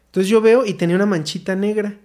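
High-voiced Mexican man telling a story. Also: steady tone, fast, dark tone. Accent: Mexican Spanish. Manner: slangy, swears a lot, acts out quotes. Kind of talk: casual chat.

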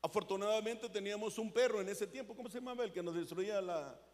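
A high-pitched Mexican man preaching from the pulpit, earnest and chatty, calling on the congregation to answer. His voice carries a long, echoing hall reverb. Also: quick pace, a little mellow. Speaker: pastor. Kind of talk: sermon.

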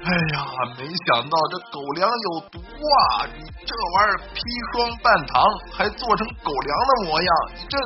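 Lively joke-telling man over loud music. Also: high-pitched, moderate pace, hardly any pauses. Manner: chatty and rambling, bursts into loud laughter at his own jokes; keeps checking in with the listener. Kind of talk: casual comedic storytelling monologue. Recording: dull lo-fi audio with loud background music.

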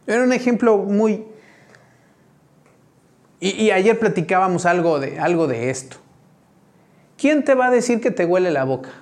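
Mexican pastor guy giving a relaxed chatty sermon, keeps asking the crowd "right?". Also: high voice, normal speed, pauses often. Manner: chatty, keeps checking in with the congregation. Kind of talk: conversational sermon.

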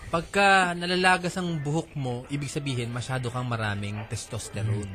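A man's voice: medium pitch, normal speed, bright, forceful tone, soft background music. A male radio host giving mock-serious joking advice and reading listener messages. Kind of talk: comedy radio banter.

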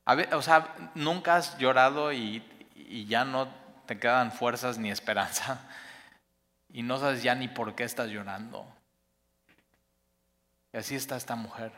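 A man preaching a sermon, expressive, building to emphatic peaks and then dropping soft. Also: mid-range voice, unhurried, long pauses, long reverb tail. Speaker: pastor.

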